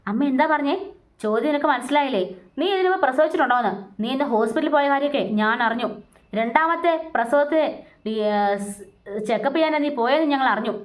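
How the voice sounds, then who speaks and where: A woman voicing a stern middle-aged mother-in-law who demands answers from her daughter-in-law in sharp questions. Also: high voice, fast, close to an everyday voice. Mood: demanding.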